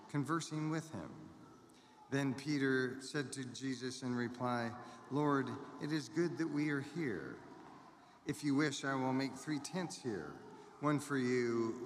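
A man reading the Gospel aloud at Mass in measured, solemn phrases, his voice carrying a cathedral echo. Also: mid-range voice. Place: large church. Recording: echoey church with long reverb, faint room noise.

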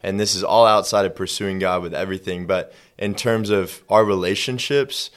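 Deep, smooth-voiced man speaking thoughtfully. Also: fairly even intonation. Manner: thoughtful, measured, uses fillers like "uh" and "um". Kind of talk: faith-based conversational podcast talk.

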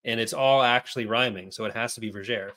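A man's voice: mid-range voice, pushed and bright. Enthusiastic man in casual podcast chat. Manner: quick, enthusiastic, filler-heavy. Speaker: podcast co-host.

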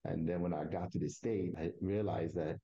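A man's voice: sits low, steady tone, normal speed, gravelly, warm tone, husky, lo-fi sound. A man from Togo with a Togolese accent, a native Kabiye speaker, telling his story conversationally as an interview guest and often restarting his phrases.

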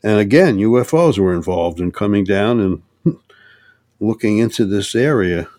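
An older man talking casually about cases on a podcast, halting with frequent restarts and fillers. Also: lowish voice, expressive, a little mellow, dry recording, clean studio sound. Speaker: guest on UFO topics.

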